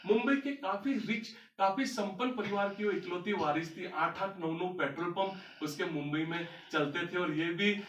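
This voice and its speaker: Man, motivational speaker, storytelling, fairly high voice, roomy echo, distant mic. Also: normal speed, hardly any pauses, a bit bright, slight background noise. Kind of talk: storytelling talk on stage.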